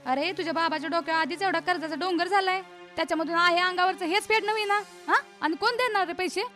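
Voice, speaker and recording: A woman's voice: very high-pitched, sharp tone. An actress playing a worried, nagging village mother who frets over money and her son's schooling. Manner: fretful, nagging.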